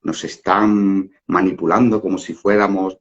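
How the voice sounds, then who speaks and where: Middle-aged male speaker, casual philosophical talk, lots of restarts and fillers; deep-ish voice, lo-fi recording. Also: fairly even intonation, a little slow. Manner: rambling, many fillers and restarts, rhetorical "¿no?". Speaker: spiritual talk facilitator. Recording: dull lo-fi audio.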